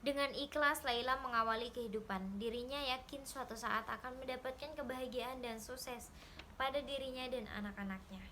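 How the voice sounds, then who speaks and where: A young woman with a high voice reads a short story aloud as a literature student's exercise. Her delivery is careful and steady, with the odd stumble and restart. A faint hum of background noise sits behind her. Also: moderate pace, low-quality recording. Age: young adult. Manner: careful reading with small slips and restarts.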